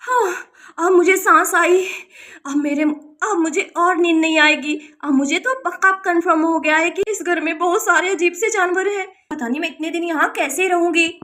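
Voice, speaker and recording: A jittery young woman from the city, Sita, frets and pleads in a very high, bright voice, as a woman puts her on. Her tone stays frightened, with shrill cries. It is a doll storybook voice. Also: moderate pace. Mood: weary.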